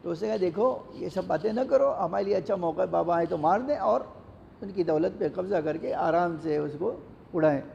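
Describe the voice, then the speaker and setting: Male preacher, high gravelly voice, warm and dark-toned, emotive storytelling sermon, long hall reverb. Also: expressive. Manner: emotive, acts out the characters' pleas. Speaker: cleric giving a Ramadan lecture. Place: large mosque hall. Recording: echoey hall, dull lo-fi sound, faint noise.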